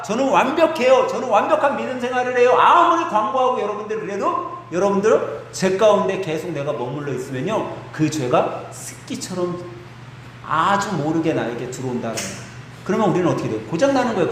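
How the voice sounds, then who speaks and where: Animated high-voiced preaching man, echoing hall. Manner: animated preaching, rhetorical questions to the congregation. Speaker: pastor. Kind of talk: sermon. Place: church sanctuary. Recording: echoey church hall with faint noise.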